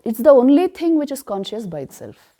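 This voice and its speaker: Here the spiritual teacher has a high, sing-song voice that still comes across warm and mellow. Teaching scripture at a retreat, she asks rhetorical questions, answers them with firm emphasis, and occasionally slows down to chant verses.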